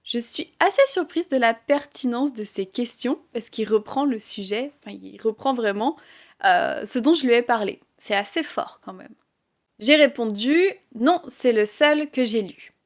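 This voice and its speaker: French-accented woman teaching, slightly high voice. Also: measured pace. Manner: conversational, with light laughs and fillers. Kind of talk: casual explanatory lesson.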